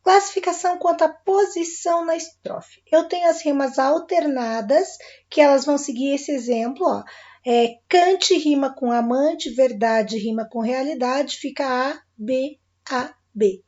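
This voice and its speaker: A woman's voice: sits high, unhurried, darkish tone, lo-fi sound. A woman with a Brazilian Portuguese accent teaching a recorded lesson, friendly and checking in with her students.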